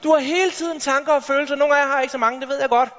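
A man giving an energetic motivational talk on stage, addressing the audience directly with rhetorical questions. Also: very high voice. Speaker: motivational speaker. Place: large hall with a stage. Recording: reverberant hall, dull lo-fi sound.

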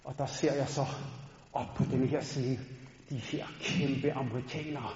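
A man's voice: medium pitch, steady tone, a little mellow. A man from Denmark telling a funny story on stage to a live audience, playful and talking straight to the crowd. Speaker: stand-up storyteller and rapper. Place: large concert hall. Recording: echoey hall, dull sound.

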